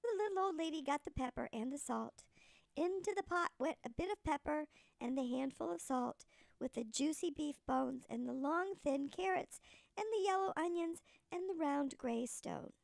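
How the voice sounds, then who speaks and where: Female storybook narrator, sweet old lady manner: high, creaky, deliberate. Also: no echo.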